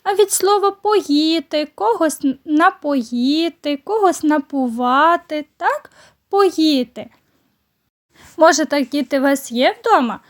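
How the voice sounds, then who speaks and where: A woman primary school teacher giving a recorded lesson to young children, slowly and patiently explaining each word. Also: high-pitched, lively intonation.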